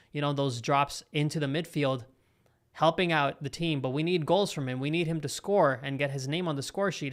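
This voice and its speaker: A young man hosting a live football watch-along, calling the play with excitable reactions and chatting to his viewers. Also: a little high. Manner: excitable, talks to live chat between play calls. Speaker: live football stream host. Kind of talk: live match reaction commentary.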